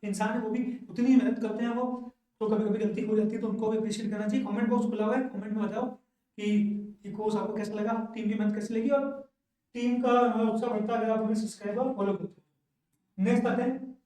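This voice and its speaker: A man teaching English pronunciation in a classroom lesson, slowly repeating each word twice for learners to echo. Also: high-pitched, little pitch movement, warm tone. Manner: says each word twice, slow drilling. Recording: very echoey room, voice from far off.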